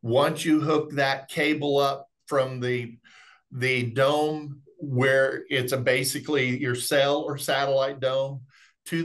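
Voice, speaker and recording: This is a middle-aged remote monitoring specialist, his voice medium-pitched and a bit bright. Indoors on a video call, he runs product training as a webinar, explaining technical points in a folksy manner.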